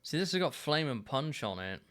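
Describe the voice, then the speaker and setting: A man in his thirties streaming a game, musing aloud in a relaxed way with plenty of fillers. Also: medium pitch, moderate pace, clear, resonant tone. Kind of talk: casual gameplay commentary.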